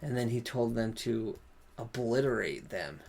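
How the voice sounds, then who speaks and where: Gravelly-voiced man on a podcast. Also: medium pitch, expressive, unhurried, a little mellow. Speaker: podcast co-host. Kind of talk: casual chat.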